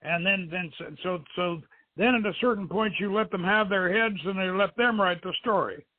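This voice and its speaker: A high-pitched man speaking at normal speed hosts a radio show, where he introduces and reads aloud an adventure story he wrote himself as a novelist. The recording is muffled and narrow-band.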